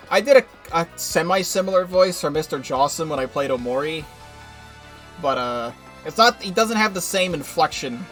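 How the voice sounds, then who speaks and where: A man chatting casually while he plays through a game, hesitant and self-deprecating. His voice sits fairly high for a man, with faint game music behind. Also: fairly bright tone. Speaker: gaming channel host.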